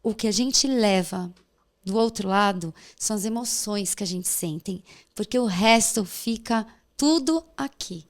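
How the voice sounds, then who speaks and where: A woman's voice: medium pitch, unhurried. A woman as a podcast guest, giving casual, reflective advice in an encouraging way and checking for agreement. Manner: encouraging, seeks agreement with tag questions.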